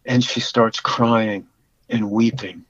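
A man in his sixties telling a personal story as a podcast guest, talking haltingly with many restarts and repeated words. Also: lowish voice, fairly even intonation, no room sound. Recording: dull lo-fi sound.

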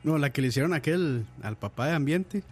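A man's voice: a little high, lively intonation, fairly quick, husky. A man with a Costa Rican accent talks on a podcast in a slightly raised voice. He hesitates, restarts and drops in local slang as he goes. Faint music sits behind him. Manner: hesitant, restarts, uses 'mae'. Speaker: podcast co-host. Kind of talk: casual chat.

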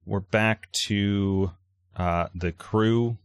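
A man running a tabletop role-playing game, narrating the action in a halting, improvised way. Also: on the low side, steady tone, clean tone, no echo. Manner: halting, hesitant delivery. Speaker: game master.

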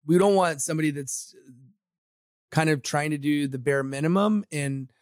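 A man's voice: fairly high pitch, moderate pace, dry recording, clean studio sound. A man from Samoa, a podcast guest and agency founder, speaking confidently and motivationally in a casual interview.

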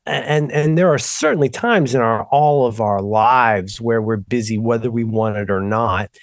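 A middle-aged man co-hosts a podcast, telling stories casually in an animated, rambling way that keeps stopping and restarting. His voice is medium-pitched at a moderate pace, recorded in studio quality with no room sound.

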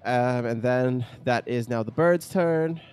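A man playing a tabletop game, excitable and quick to exclaim and laugh. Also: mid-range voice, soft background music. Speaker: player.

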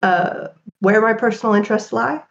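Quick-talking woman on a lo-fi mic. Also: on the high side, gravelly. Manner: quick, animated, with fillers and laughs. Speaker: games writer and podcast guest. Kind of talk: casual interview chat.

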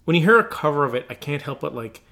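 A man's voice: fairly high pitch, animated, fast, pushed and bright. A man co-hosting a podcast, talking casually and hesitantly as he searches for words. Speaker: podcast co-host. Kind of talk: casual chat about music.

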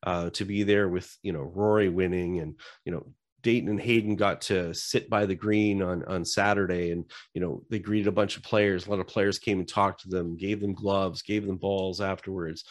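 A man's voice: deep voice, fairly even intonation, normal speed, dry recording, studio quality. A man co-hosting a podcast, talking in a rambling, emotional way with many fillers. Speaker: podcast co-host. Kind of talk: casual podcast chat.

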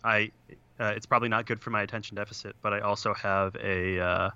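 Talking fast in a lowish, clear, resonant voice that's pushed and bright with fairly even intonation, a young podcast co-host chats casually over a computer video call. There's no echo, but the recording is muffled and keeps breaking up, and he rambles with lots of "like" and "uh".

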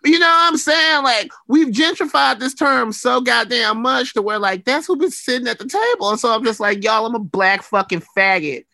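A man with a bright, androgynous voice that can pass for a woman's. He talks as a candid interview guest, blunt and slangy, with emphatic delivery and a very dry sound. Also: very high voice, lively intonation, moderate pace, gravelly, few pauses, dry recording. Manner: androgynous voice, often taken for a woman's. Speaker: guest, writer. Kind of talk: casual, candid interview chat.

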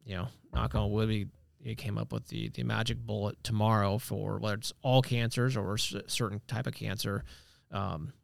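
A man's voice: lowish voice, moderate pace, gravelly, few pauses, dry recording. A man hosting a podcast, chatting casually and joking with his guests. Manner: relaxed, joking, wraps up the show. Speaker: podcast host. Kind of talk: casual chat.

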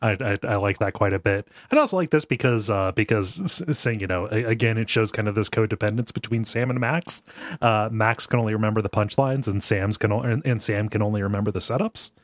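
A man's voice: fairly low pitch, a little fast, no echo. A man co-hosting a show, casually recapping a game story in an amused way, often chuckling. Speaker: co-host of a video game discussion show.

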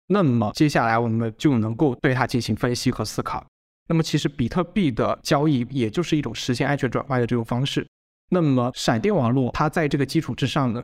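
Fast-talking man giving methodical explanations. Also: mid-range voice. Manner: long, methodical explanations with repeated rephrasing. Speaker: technical podcast guest. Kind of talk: explanatory technical discussion.

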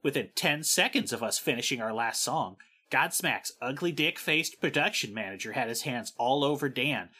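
A woman's voice: very deep voice, lively intonation, normal speed, bright, forceful tone, husky, exaggerated voice. A woman reading aloud as a swaggering British rock frontman in a put-on British accent, profane and indignant. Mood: ranting.

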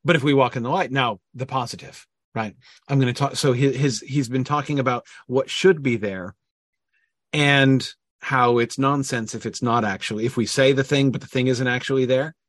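Husky-voiced man thinking aloud over scripture. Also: medium pitch, fairly even intonation, normal speed, no room sound, studio quality. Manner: thinking aloud, frequent restarts and "right?". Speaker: Bible teacher. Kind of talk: informal scripture study talk.

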